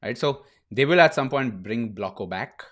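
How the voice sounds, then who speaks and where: A man's voice: mid-range voice, expressive, moderate pace. A young man hosting a casual livestream, chatting loosely, laughing often and saying bro and dude a lot. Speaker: streamer host.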